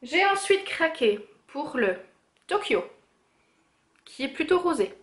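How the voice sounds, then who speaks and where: A young woman vlogger chats through her beauty haul at home, her voice a little on the high side. She talks casually with lots of little fillers and restarts, straight into the camera mic. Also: big pitch swings, slow. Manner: chatty, many fillers and self-corrections.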